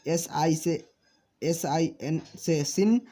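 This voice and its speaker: With a slightly high, mellow voice, he runs a spelling lesson for viewers he calls friends. Names get spelled out slowly, letter by letter, and he answers whatever he asks.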